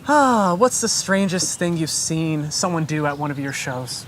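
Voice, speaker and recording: An interviewer runs through quick questions with short, upbeat reactions between them. The voice sits at a middle pitch, with a faint hiss of noise in the background. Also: animated, a bit bright. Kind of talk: rapid-fire interview questions.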